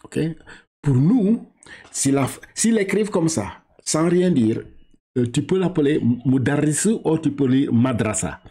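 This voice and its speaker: A man's voice: a little high, lively intonation, mellow, breathy edge. Patient Senegalese man teaching reading. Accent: Senegalese French. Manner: patient, slow drawn-out syllables, repeats and corrects, halting restarts. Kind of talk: one-on-one reading lesson.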